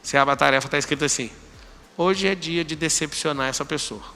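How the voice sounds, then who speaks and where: A Brazilian man gives a motivational talk to a live audience with commanding energy, and he acts out little exchanges with his students. His voice sits high and has a gravelly edge. It rings out with a long reverb through the large hall. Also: fairly quick, bright, forceful tone, faint music behind. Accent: Brazilian Portuguese. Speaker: motivational speaker.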